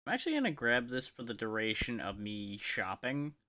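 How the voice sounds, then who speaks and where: A man streaming live gameplay, talking through his choices with playful, excitable, mock-boastful trash talk. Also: mid-range voice, a little fast.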